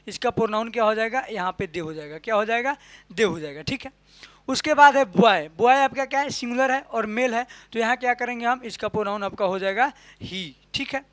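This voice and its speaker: High-voiced man teaching grammar, dry sound. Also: no room sound. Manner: asks and answers his own questions, repeats key terms; ends points with a soft "ठीक है". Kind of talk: classroom lesson explaining in Hindi.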